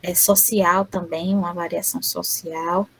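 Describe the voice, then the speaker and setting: Woman voicing a lecture, halting. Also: lowish voice, little pitch movement, creaky, slightly rough, low-quality recording. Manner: halting, frequent tag questions. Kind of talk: interpreted online lecture.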